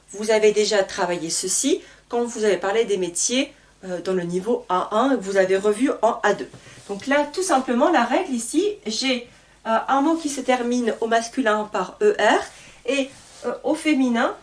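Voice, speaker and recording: A woman teaching a grammar lesson, spelling out letters and repeating word pairs slowly. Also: fairly high pitch, recorded from a distance. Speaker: French teacher.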